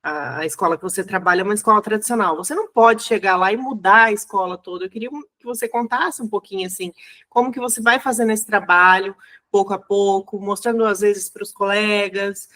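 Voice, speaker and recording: A woman hosting an interview on parenting and schools, affirming her guest and asking gentle questions. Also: mid-range voice, a little fast. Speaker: host, parenting educator. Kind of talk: casual interview talk.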